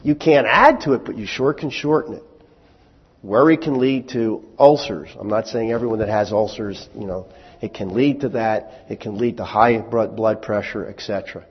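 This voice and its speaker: A man's voice: fairly low pitch, moderate pace, breathy edge. A man preaching a sermon in a conversational way, asking the congregation rhetorical questions and lifting his voice when he quotes scripture. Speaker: pastor. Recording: dull lo-fi audio with long hall reverb.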